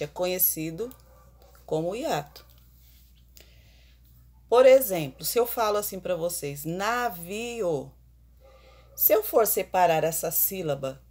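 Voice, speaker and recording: A woman teacher giving an online grammar lesson, explaining slowly and putting questions to the class. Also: on the low side, darkish tone.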